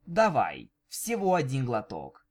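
A man voicing a brash, playful young female unicorn DJ in a fan-fiction audiobook, with quick, teasing, chattering speech. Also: mid-range voice, huge pitch swings, a little mellow, full character voice. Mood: coaxing.

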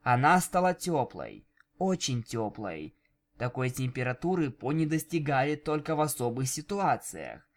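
Expressive male audiobook narrator. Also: mid-range voice, normal speed. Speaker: audiobook reader. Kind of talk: audiobook narration of fan fiction.

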